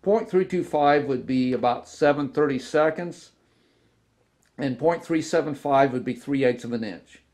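A man's voice: medium pitch, unhurried, a little mellow. A man hosting a casual hobby tutorial about model railroad cars from his workbench, talking unhurriedly with frequent restarts and fillers. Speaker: model railroad video host. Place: indoor workbench with model trains.

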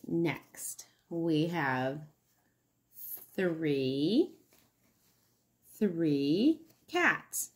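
A woman teaching a counting lesson to young children, encouraging and sing-song, asking questions and pausing for answers. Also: medium pitch, darkish tone. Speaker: early-years teacher hosting an online circle time.

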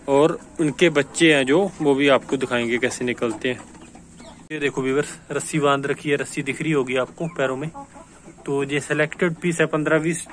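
A man's voice: on the high side, a bit bright. A man with a Rajasthani Hindi accent, a poultry farmer who talks to viewers while walking his farm, filmed on a phone outdoors. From India. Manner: chatty, keeps addressing viewers, points things out. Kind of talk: casual farm walk-through vlog. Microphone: phone camera held by the filming speaker. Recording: faint outdoor background noise. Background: chickens and birds clucking.

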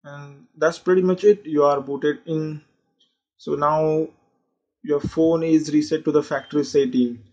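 Man, tech how-to narration, casual with fillers, fairly high pitch, dull recording. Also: fairly even intonation, a little slow, dark tone. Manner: casual, explanatory, frequent fillers. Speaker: tech channel host. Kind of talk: tutorial walkthrough. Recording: dull lo-fi sound.

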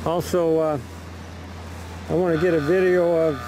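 A folksy, chatty man narrating his outdoor walk in a fairly high voice for a man. He is recorded on a camera mic outside, with plain background noise behind him. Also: little pitch movement, unhurried. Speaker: vlogger filming a walk. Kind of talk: casual walking vlog narration. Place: outdoors by a river park.

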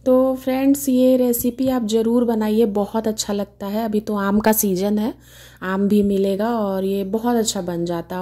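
A medium-pitched, dark-toned woman guides her audience through a recipe, one step after another, on a cooking channel she hosts herself. The setting is her kitchen at home, and her manner is chatty and homely.

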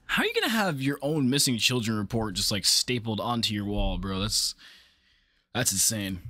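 A man's voice: on the low side, very animated, normal speed, pushed and bright, dry recording. A young man hosting a reaction video in a gaming room on a headset, talking casually and exclaiming and swearing at jump scares.

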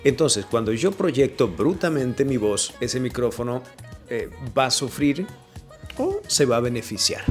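A man teaching voice technique. He talks directly to the viewer and changes his projection and brightness on purpose to demonstrate. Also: mid-range voice, sing-song, measured pace, soft background music. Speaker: voice coach. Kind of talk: voice technique tutorial. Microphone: camera and microphone.

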